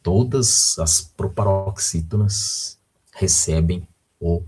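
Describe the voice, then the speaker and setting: A male teacher with a Brazilian Portuguese accent gives a recorded video lesson in a low, husky voice. He talks slowly and patiently, often stopping to check in with the viewer. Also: darkish tone.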